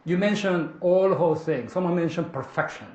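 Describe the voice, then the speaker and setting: Brief: male seminar leader with a Peruvian Spanish accent, lively and engaging, slightly high voice, echoey room with faint noise. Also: moderate pace. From Peru. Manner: animated, asks the room, often tags "correct?". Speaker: workshop leader. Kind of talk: interactive seminar teaching.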